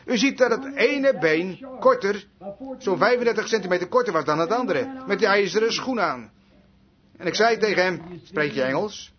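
A male preacher telling a story in a sermon, emphatic and swinging between loud and hushed passages. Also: high-pitched, animated, normal speed. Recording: dull lo-fi recording.

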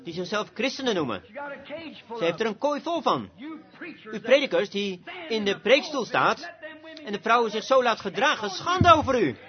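A man preaching an impassioned sermon that rises to shouts, on a dull lo-fi recording with a crowd behind. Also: high voice, big pitch swings, normal speed, long pauses. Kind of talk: fiery sermon.

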